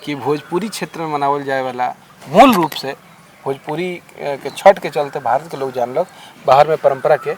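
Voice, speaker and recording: A man's voice: a little high, normal speed, darkish tone, slight background noise. A man with a Bhojpuri accent hosting a podcast, asking long conversational questions. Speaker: podcast host. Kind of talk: interview questions.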